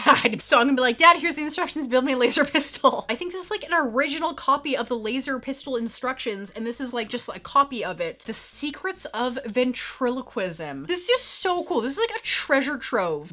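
A woman opening fan mail on her channel, chatting excitedly and gushing over each gift, with "like" in every sentence. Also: fairly high pitch. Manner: bubbly, gushing, says "like" often. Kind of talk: excited casual unboxing chat.

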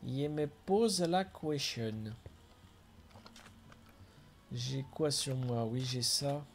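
A middle-aged man streams a building game and chats casually, thinking aloud and chuckling often as he comments on the gameplay. His voice is mid-range and very slow, with slight background noise.

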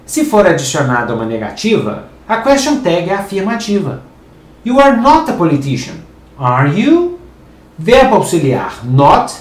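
A Brazilian man teaching an English lesson on video, upbeat and clear, switching into English for example sentences. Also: sits high. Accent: Brazilian Portuguese. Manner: upbeat, lively teacher with animated intonation. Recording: roomy echo.

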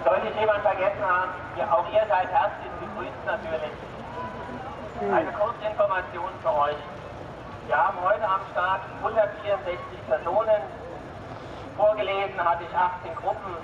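A man with a high-pitched voice makes announcements at an outdoor event. He is heard from far off through a loudspeaker. The sound is dull, with clear background noise. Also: steady tone, moderate pace. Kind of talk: public announcement to a crowd. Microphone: loudspeaker picked up by a far camera. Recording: distant outdoor PA, dull, noisy, echoey.

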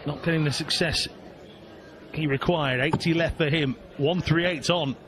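A man giving live darts commentary in measured, short play-by-play phrases. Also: fairly high pitch, steady tone, fairly bright tone. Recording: clear background venue noise. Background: darts venue ambience.

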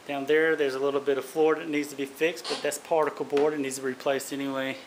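A man's voice: mid-range voice, little pitch movement, fast. A man giving a casual walk-through commentary inside a small empty trailer, recorded on a handheld phone. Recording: noisy handheld recording with clicks.

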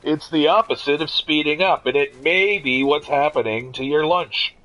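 A man putting on a pompous male newscaster voice, speaking in a mock-serious, drawn-out announcer delivery. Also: a little high, sharp tone, dull audio. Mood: mock solemn.

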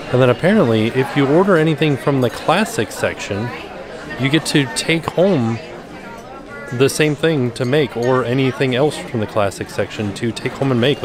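A man vlogging casually, chatting enthusiastically about menus and food as he walks around. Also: medium pitch. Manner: chatty, enthusiastic food commentary with frequent "ooh". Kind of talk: casual vlog narration. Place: outdoor shopping plaza and indoor restaurant.

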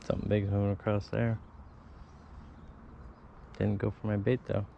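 Outdoors by a pond, a fishing vlogger chats to viewers, calling each cast and bite in a casual play-by-play. His lowish, gravelly voice is flat and moderately paced, recorded on a head-mounted action camera with dull lo-fi outdoor audio and slight background noise.

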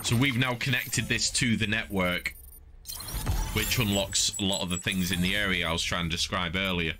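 A middle-aged man livestreams a video game from a small indoor setup, headset on, offering casual, playful commentary with mock indignation. His deep voice holds a steady tone at normal speed. Game music, vehicle sounds, and other background noise fill the clip.

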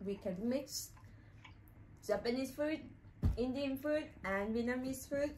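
A woman chatting casually with her husband over a home-cooked meal, speaking as an in a soft, halting way with many hums. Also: sits high, a little hiss or hum, low-quality recording. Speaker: vlogger eating with her husband. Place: home kitchen or dining table.

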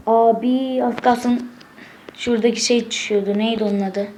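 A woman hosting a gaming channel, chatting casually to viewers from a room at home, excitable and swearing as she gets frustrated. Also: on the high side, normal speed, a little hiss or hum. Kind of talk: casual gameplay commentary.

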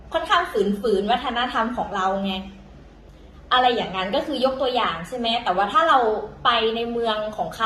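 A woman with a high, fairly bright voice gives a casual vlog-style lesson, talking to viewers as if they were her younger siblings. She teaches chattily, with plenty of fillers and self-corrections, and the rough recording has room echo and a slight hiss or hum.

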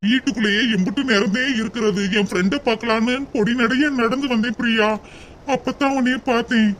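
A devoted young rich boyfriend, voiced by a man in a cartoon, who talks earnestly and reassuringly in a southern Tamil accent. His voice sits very high for a man, with faint noise behind it. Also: fairly even intonation, fairly quick, a bit bright.

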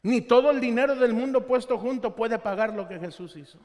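A male pastor delivering a sermon during a live church service, telling Bible stories in an animated way and acting out what the characters say. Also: very high voice, brisk. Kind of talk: Spanish-language sermon. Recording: long reverb of a church hall.

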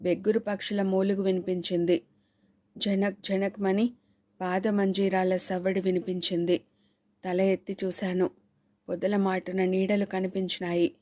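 Woman reading a thriller novel, measured and suspenseful, warm voice, dry sound. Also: mid-range voice, dry recording. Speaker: audiobook narrator. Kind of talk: scripted novel narration.

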